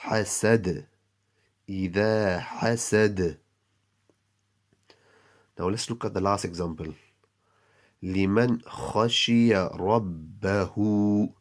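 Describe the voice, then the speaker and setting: Deep-voiced male teacher, patient, spells letters out slowly. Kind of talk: online lesson.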